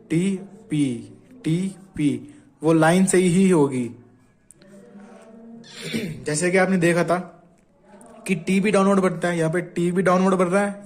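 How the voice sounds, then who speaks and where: A man with a high, slightly mellow voice gives a patient Hindi shorthand tutorial explaining strokes. He says each sound aloud as he writes it and frequently checks in with his viewers.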